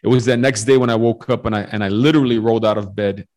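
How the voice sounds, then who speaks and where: A man's voice: lowish voice, fairly even intonation, quick pace, darkish tone. A man in his forties, born in Romania, telling his faith story as a guest on a podcast call, earnest and full of fillers and restarts. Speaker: guest missionary. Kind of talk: testimony in a podcast interview. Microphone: remote call over the internet.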